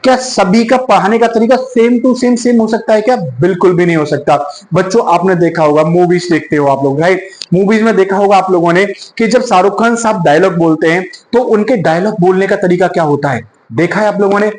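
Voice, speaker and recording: A man's voice: high-pitched, brisk, darkish tone, echoey room, rough recording. A male teacher lecturing to students, often checking in with "yes or no" questions. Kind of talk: classroom lecture.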